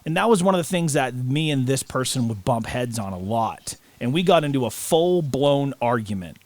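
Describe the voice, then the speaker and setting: A man's voice: medium pitch, animated, moderate pace, darkish tone, dry recording. A man co-hosting a podcast, chatting casually in an earnest, storytelling way. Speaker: podcast co-host.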